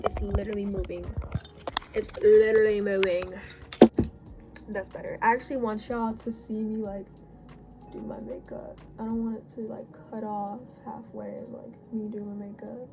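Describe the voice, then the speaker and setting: A teenage girl in a casual get-ready-with-me chat, rambling and correcting herself as she goes, her voice a little hoarse, recorded on a phone. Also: mid-range voice, poor audio. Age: late teens. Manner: rambling, chatty, self-correcting. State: slightly hoarse. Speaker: beauty vlogger. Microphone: phone camera.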